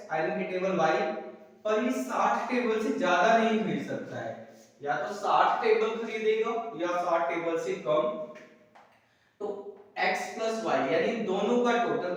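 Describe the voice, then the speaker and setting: A man teaches economics in a lecture, asking questions and then answering them himself, repeating the key terms. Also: sits high. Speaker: economics tutor. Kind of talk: whiteboard lecture. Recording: echoey room, distant mic.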